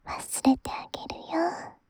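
Woman acting a tipsy big sister's slow whispered pillow talk. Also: dry recording, close to an everyday voice. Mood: tipsy, tender. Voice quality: soft, breathy, often whispered. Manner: slow, drowsy, tipsy, coaxing. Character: drunk, clingy, affectionate big sister in bed. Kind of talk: whispered role-play, intimate pillow talk. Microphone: close, dry microphone.

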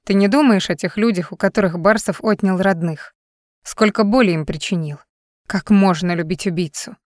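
A woman's voice: mid-range voice, moderate pace, a little mellow, no echo, studio quality, close to an everyday voice. A woman reading the lines of a harsh, accusing young man in an audiobook. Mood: angry. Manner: blunt, harsh questioning.

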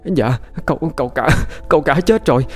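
A man's voice: on the high side, expressive, brisk, a little mellow, breathy edge, faint music behind, voice pushed up. A man voicing a frightened old nursemaid, stammering in panic. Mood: panicked.

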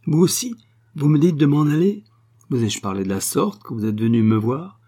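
A man's voice: mid-range voice, lively intonation, moderate pace, dark tone, voice pushed up, lightly acted. A man voicing a scheming foreign woman spy, brazen and wheedling. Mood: indignant.

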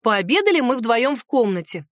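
Wry, higher-voiced woman reading a novel. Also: moderate pace, no echo, studio quality. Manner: expressive, wry and sarcastic in asides. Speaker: audiobook narrator. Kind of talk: first-person novel reading.

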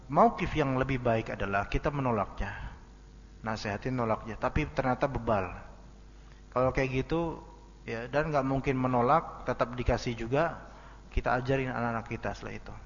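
A man's voice: mid-range voice, a little hiss or hum. A man giving a casual, joking religious lecture and answering questions in a colloquial way. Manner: lively, joking, colloquial, with acted-out dialogue. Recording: dull lo-fi audio with long hall reverb.

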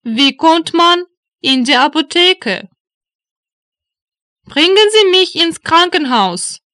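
In slow phrase drills for learners, a woman with a German language teacher voice reads short German phrases deliberately, spacing each out and reading it twice. Her voice is high and bright with a lively rise and fall. The recording is dry and close, with no room sound.

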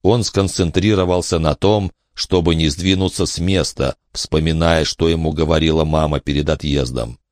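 A man's voice: extremely low pitch, fairly even intonation, moderate pace, hardly any pauses, a little mellow, no room sound, studio quality. A man reading a horror audiobook as narrator, telling the story expressively.

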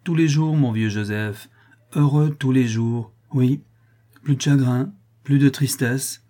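A man's voice: medium pitch, slow, natural voice. A man reading as an overjoyed marquis. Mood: elated. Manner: effusive, warmly familiar with his servant. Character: overjoyed aristocratic male marquis, emotional.

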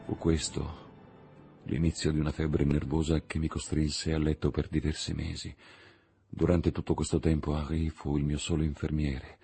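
Man reading an audiobook dramatically, dark gravelly voice, goes from hushed to loud. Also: rumbling low, monotone, moderate pace, faint music behind. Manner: theatrical, swings from hushed whispers to loud outbursts. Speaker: audiobook narrator.

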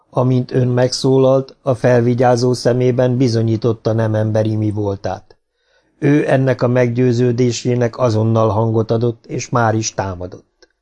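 A man reading an audiobook who voices a calm, humanlike male robot explaining things politely and logically. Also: mid-range voice, lightly acted.

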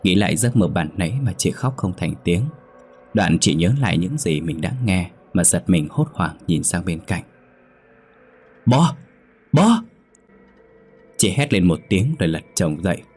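Man, horror story narrator, deep voice, husky, measured, dramatic, faint background music. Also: expressive, darkish tone.

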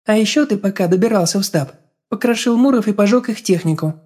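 Brief: man voicing a blunt woman fighter, high and dark-toned, storybook read. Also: fast. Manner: blurts in bluntly. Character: brash outspoken adult woman fighter. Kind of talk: audiobook character voice.

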